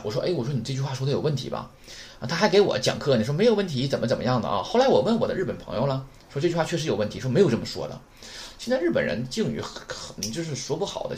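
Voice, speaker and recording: Man, language teacher, casual lecture, lively pitch, keeps asking rhetorical questions. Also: a little hiss or hum. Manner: chatty, rhetorical questions, repeats points slowly.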